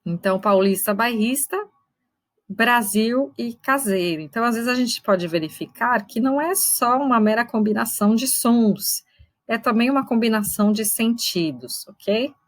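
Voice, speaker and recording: A woman teacher giving an online literature lesson, patiently explaining and slowly sounding out syllables. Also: on the high side, animated, no echo, rough recording. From Brazil. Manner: patient, explains step by step, checks in with students.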